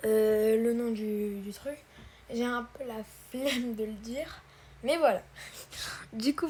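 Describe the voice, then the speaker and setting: Stumbling, chatty tutorial voice, higher pitch. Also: female voice, darkish tone, a little hiss or hum. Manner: hesitant, stumbling, many filler words; addresses viewers as "guys" and "brothers". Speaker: tutorial host. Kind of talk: casual screen-recorded tutorial.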